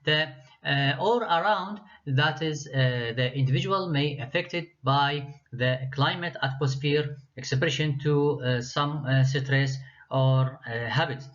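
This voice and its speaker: A man's voice: fairly high pitch, slow, fairly bright tone. A man lecturing university students, reading his slides with frequent hesitations and restarts. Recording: dull lo-fi lecture recording.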